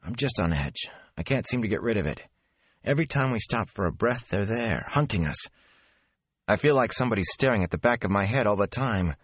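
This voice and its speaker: A man voicing a jumpy, anxious young villager in an audiobook, talking tense and quick. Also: lowish voice, animated, a bit bright, slightly rough, no room sound, voice pushed up.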